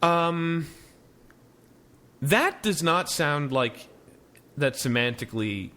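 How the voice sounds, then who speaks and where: A man's voice: fairly high pitch, lively intonation, slow, pushed and bright. An American man hosting a casual tech podcast, talking in a sarcastic, joking way. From United States. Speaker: podcast host.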